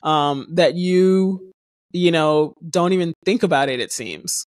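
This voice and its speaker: Her pitch is fairly low and her pace slow, with no room sound in the recording. Raised in the US after coming from Haiti, this podcast host rambles warmly and talkatively through a casual interview, using plenty of fillers.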